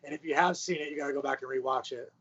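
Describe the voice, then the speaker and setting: A man's voice: mid-range voice, steady tone, rapid-fire, fairly bright tone, breathy edge. A man co-hosting a sports podcast, talking in a laid-back, casual way with plenty of fillers. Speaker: podcast co-host. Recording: muffled lo-fi audio.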